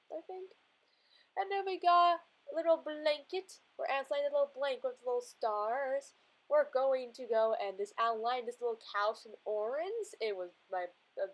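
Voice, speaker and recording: A woman's voice: high voice, low-quality recording. A young woman chatting casually as she draws in a sketchbook, giggling often and calling everything little and cute. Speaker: art vlogger. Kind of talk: casual drawing narration.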